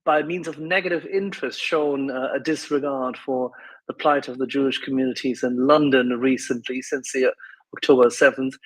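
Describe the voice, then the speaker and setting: Male co-host, medium pitch, halting and verbose, casual live talk, dry acoustic. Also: breathy edge, no room sound, rough recording. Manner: wordy, halting, ornate word choices.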